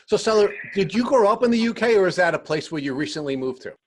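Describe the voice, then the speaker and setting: A man's voice: sits high, expressive, quick pace. A man hosting a podcast, reading a formal guest introduction and then asking interview questions. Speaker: podcast host.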